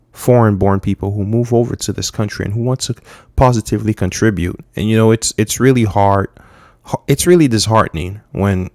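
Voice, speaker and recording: A young man from Haiti giving frank, halting political commentary, with many fillers and restarts. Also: on the low side, a little mellow, no echo, clean studio sound. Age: young adult.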